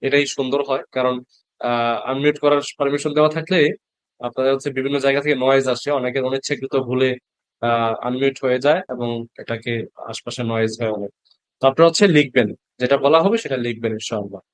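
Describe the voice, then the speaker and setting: Speaking fast in a steady, medium-pitched voice, a man gives an online class lecture on reading the Quran, carefully sounding out every Arabic letter and repeating it for students. The video call audio is clean and dry.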